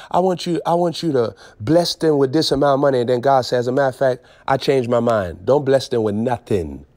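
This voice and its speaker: A man preaching with emphatic swings between low intensity and raised outbursts. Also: darkish tone, dry recording, clean studio sound. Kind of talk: preaching on a phone broadcast.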